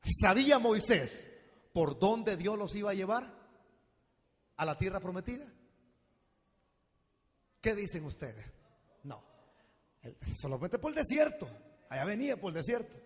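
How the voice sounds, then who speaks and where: A male pastor preaching a sermon in an animated style, swinging from low asides to loud shouts and calling his listeners brother and daughter. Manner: addresses the congregation directly as brother and daughter. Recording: long hall reverb.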